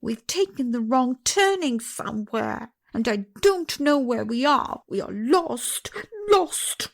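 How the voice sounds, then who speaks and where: A woman's voice: fairly high pitch, big pitch swings, normal speed, creaky, fairly bright tone, breathy edge, pitched above the performer's own voice, exaggerated voice. A woman voicing a frightened, curt nurse in a storybook reading. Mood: panicked. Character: frightened adult nurse, sharp and anxious.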